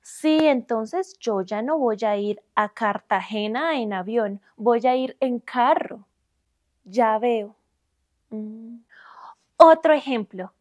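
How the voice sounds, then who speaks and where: A young Colombian woman teaching Spanish grammar, giving examples slowly and clearly in Spanish and English. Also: a little high, lively intonation, darkish tone, no room sound, studio quality. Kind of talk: bilingual grammar lesson.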